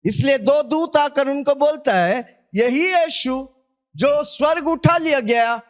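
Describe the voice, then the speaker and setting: A man from India preaching a sermon as pastor, calling on the congregation to shout answers back and repeating scripture after a reader. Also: very high voice, takes it slowly. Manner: call-and-response preaching, urging listeners to shout back.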